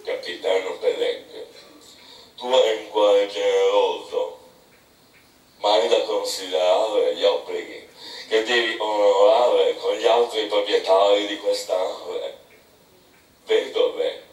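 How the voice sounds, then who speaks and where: A man voicing a gloomy, pious old ship-owning captain who mutters slowly and solemnly. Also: fairly low pitch, pitched below the performer's own voice. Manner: slow sepulchral muttering. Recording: echoey room, mic far off.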